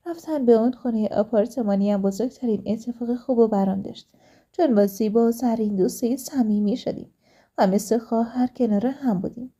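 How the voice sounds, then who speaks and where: A woman narrating a first-person life story in a calm, steady reading voice. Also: a little high.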